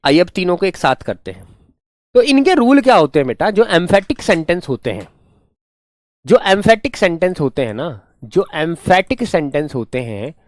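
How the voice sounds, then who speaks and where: A man's voice: a little high, dry recording, studio quality. A man teaching English grammar in an online class, patiently repeating points and calling students "son".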